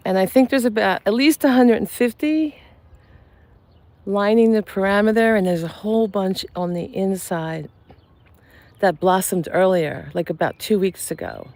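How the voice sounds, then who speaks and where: A soft-spoken psychic medium who hosts a channel chats gently in her mid-range voice on a live stream, walking through a cemetery among blossoming cherry trees. The outdoor stream carries clear ambient noise, with birds and passing traffic in the background.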